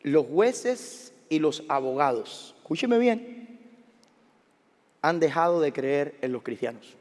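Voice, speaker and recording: Animated pastor preaching in a reverberant church. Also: male voice, fairly high pitch, slow. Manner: animated, asks the congregation questions and tells personal stories. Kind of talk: sermon. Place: large church sanctuary. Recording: long hall reverb of a church.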